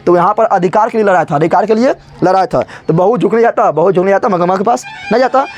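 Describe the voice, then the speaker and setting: A man's voice: sits high, fast talker, a little mellow. A male teacher, explaining a story to his class and repeating his own questions before answering them.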